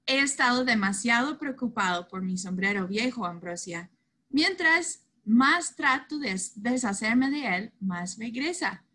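A woman voicing a kindly, fretful old uncle in a children's story, speaking slowly and softly. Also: fairly high pitch, lively intonation, heavily acted. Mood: gentle.

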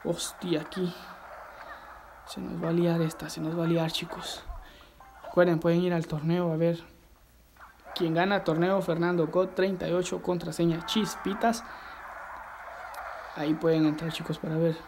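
A man hosting a live gameplay stream, chatting excitedly and reading viewer messages aloud. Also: on the high side, moderate pace, long pauses, background noise. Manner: excitable, reads viewer chat aloud, shouts at the game. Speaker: livestreaming gamer host. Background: game music.

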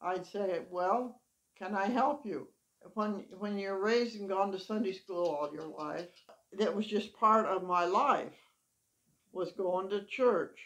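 A woman's voice: mid-range voice, takes it slowly, a bit bright, low-quality recording. An elderly woman recalling her lifelong church involvement in a plain, matter-of-fact way, seated at home. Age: older. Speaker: interviewee, longtime church member. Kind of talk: reminiscing interview. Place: living room, seated in armchair. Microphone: lavalier mic.

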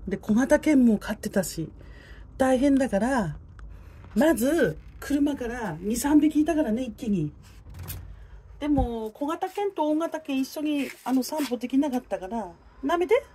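A woman's voice: high-pitched, lively intonation, unhurried, warm tone, a little hiss or hum. Woman coaxing a cat in a sing-song voice. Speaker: cat feeder filming a neighborhood cat. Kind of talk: casual talk to a cat while filming.

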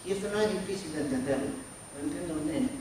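A man in his forties speaks with an Argentine accent and a slightly high voice, telling his own story as a sermon and acting out what others said to him. He sounds set back from the mic in a very reverberant church hall. A faint noise floor sits under his voice. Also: fast, recorded from a distance. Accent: Argentine Spanish. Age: 40s. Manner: storytelling with acted quotes of others. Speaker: preacher. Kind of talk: sermon testimony. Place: church sanctuary.

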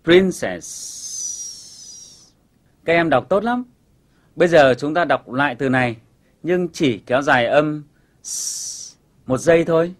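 A man teaching a children's English lesson on television, explaining pronunciation patiently and clearly. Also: fairly high pitch, animated, normal speed, long pauses.

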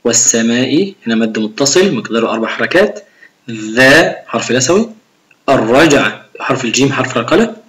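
A man's voice: mid-range voice, lively intonation, fairly quick, fairly bright tone. A middle-aged man teaching a recorded lesson on Quran recitation to third graders, explaining each rule step by step and speaking directly to his pupils. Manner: explains rules step by step and demonstrates pronunciation; addresses pupils directly and encourages them. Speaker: religion teacher.

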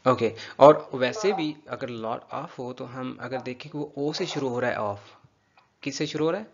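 A man teaching English pronunciation, patiently drilling words slowly and repeating them for a learner. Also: medium pitch, muffled recording. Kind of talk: spoken language lesson.

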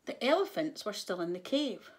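A woman reading a children's picture book aloud, giving the animals voices and adding soft whispered asides. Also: mid-range voice, sing-song, normal speed. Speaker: storyteller.

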